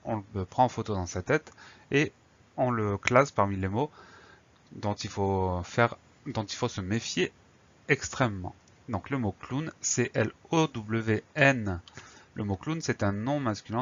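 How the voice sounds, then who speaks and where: A man teaching a spelling lesson, slowly spelling out words letter by letter. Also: fairly low pitch, dull audio.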